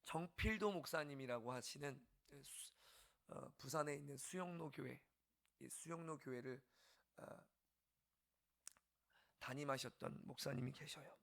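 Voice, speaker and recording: A male pastor giving an early-morning revival sermon, passionate, swinging from loud exclamations to hushed near-whispers. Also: medium pitch, a little slow, creaky, long pauses.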